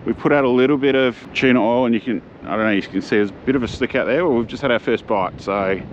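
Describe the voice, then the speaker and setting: Filming in first person with a camera-mounted mic, an Australian man fishes off a jetty by the sea and chats quickly in a mid-range voice. He's laid-back and slangy, while the dull outdoor audio picks up wind noise plus wind and water behind him.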